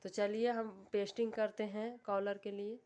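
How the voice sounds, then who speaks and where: A woman giving a calm, step-by-step sewing tutorial, repeating her instructions patiently. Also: mid-range voice, moderate pace. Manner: calm, repetitive instructional voice-over.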